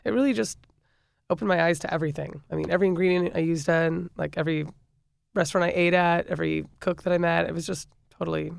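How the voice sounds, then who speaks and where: Chatty woman chef, gravelly edge. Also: on the low side, steady tone, quick pace, dry recording, studio quality. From Midwestern United States. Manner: chatty, frequent fillers and laughs. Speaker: chef and restaurant owner, guest. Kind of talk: casual interview conversation.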